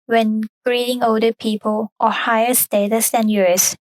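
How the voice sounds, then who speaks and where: Woman with a high, dry voice. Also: flat delivery, dry recording, low-quality recording. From Thailand. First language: Thai. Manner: careful, measured explaining in second-language English. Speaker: podcast co-host. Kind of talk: explanatory cultural talk.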